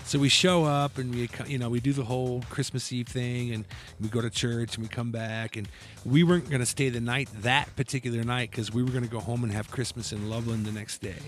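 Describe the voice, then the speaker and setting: Man telling a lively story on a podcast. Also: medium pitch, fairly quick. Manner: animated storyteller, acts out quotes with laughs. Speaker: podcast co-host. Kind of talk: casual storytelling chat.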